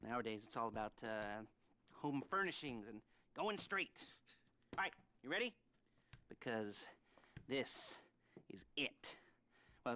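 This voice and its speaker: In a video game cutscene, an American-accented actor plays an awkward, neurotic middle-aged criminal who plans heists, speaking in a halting, nervous, wry and sardonic way. The male voice is medium-pitched and a bit bright, with no room sound.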